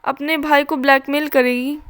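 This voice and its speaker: A woman voicing a bossy, teasing young male police officer in a storybook reading, talking in a gruff, bickering way. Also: high voice, little pitch movement, normal speed, a bit bright.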